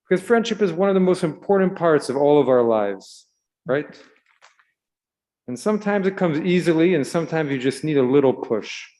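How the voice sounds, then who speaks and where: A man who was born in Israel gives a gentle, storytelling sermon to children at a Shabbat service and asks them questions along the way. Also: on the high side, animated, normal speed. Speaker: rabbi. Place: synagogue sanctuary.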